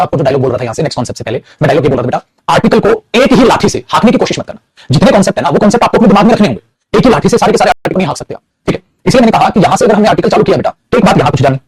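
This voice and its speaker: A man's voice: fairly high pitch, a little mellow, husky. A man teaching an English grammar lesson in Hindi, calling his students beta and repeating his points with emphasis, with a Hindi accent on English words.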